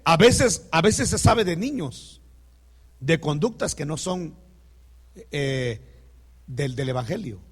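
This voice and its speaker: A man's voice: high-pitched, a bit bright, slightly rough, big-room sound. A man preaching a sermon who speaks straight to the congregation and tells stories with quoted dialogue.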